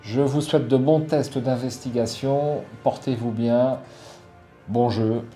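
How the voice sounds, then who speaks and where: A man's voice: medium pitch, fairly even intonation, takes it slowly, dark tone, soft background music. A middle-aged man hosting a board game channel, giving a casual product review full of fillers and restarts. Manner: hesitant, many fillers and restarts.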